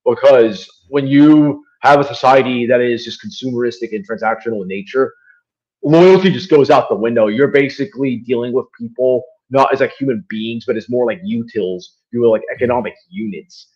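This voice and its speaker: A man's voice: mid-range voice, normal speed, a little mellow, highs cut off. A man from Venezuela, a podcast guest talking politics in a rambling way with many fillers and restarts. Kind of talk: casual political discussion.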